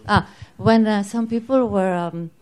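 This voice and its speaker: A woman's voice: mid-range voice, measured pace, darkish tone. Hesitant woman searching for words. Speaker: audience member. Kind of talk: spontaneous comment.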